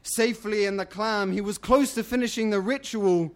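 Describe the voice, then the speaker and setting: A man narrating a fairy-tale story in a measured, rhyming way. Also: high-pitched.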